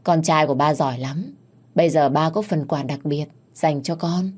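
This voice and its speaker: A woman reading a story aloud, voicing a doting young father who speaks in a gentle, coaxing way. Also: sits low, moderate pace, husky. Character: young father, doting, affectionate, playful husband.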